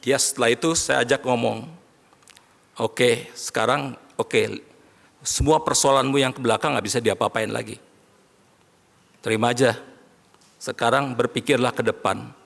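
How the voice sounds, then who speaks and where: A man preaching a sermon as pastor, animated, often rising to shouts as he addresses the congregation. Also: mid-range voice, moderate pace, vocal fry, pauses often. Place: large worship hall. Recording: long hall reverb.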